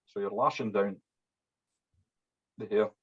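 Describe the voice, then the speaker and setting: A man's voice: lowish voice, slow, breathy edge. A man with a strong, broad Scottish accent, giving an informal hands-on demonstration as an instructor, chatty and often tagging his sentences with "yeah". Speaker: fly-tying instructor. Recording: dull, muffled lo-fi audio.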